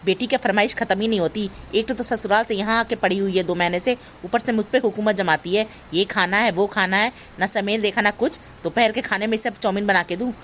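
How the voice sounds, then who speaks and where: A woman's voice: mid-range voice, fairly even intonation, fairly quick, hardly any pauses, fairly bright tone, slight background noise, natural voice. A woman playing a put-upon young daughter-in-law who mutters complaints in a family comedy skit. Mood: grumbling.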